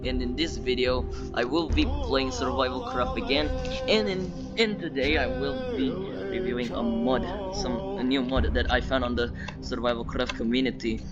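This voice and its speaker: A YouTube game reviewer from Russia, medium-pitched and moderately paced, talks through gameplay in a casual, digressive way and frequently repeats himself, with a Russian accent. His audio comes through a dull lo-fi mic with music underneath.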